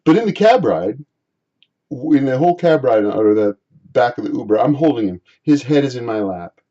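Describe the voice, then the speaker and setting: A man vlogging, rambling through a personal story in a halting way, often repeating and restarting his phrases. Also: mid-range voice, big pitch swings, warm tone, highs cut off.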